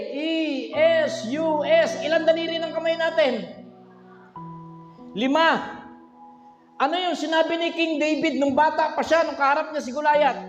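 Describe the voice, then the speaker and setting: A man's voice: very high-pitched, a bit bright. A man preaching a sermon at a livestream, teaching by spelling out letters and quizzing the congregation. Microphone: handheld microphone. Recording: echoey hall, dull lo-fi sound.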